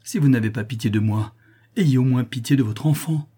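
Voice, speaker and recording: A man's voice: medium pitch, a little fast, warm tone, breathy edge, natural voice. A man voicing a distressed young woman who pleads emotionally in a storybook reading. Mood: pleading.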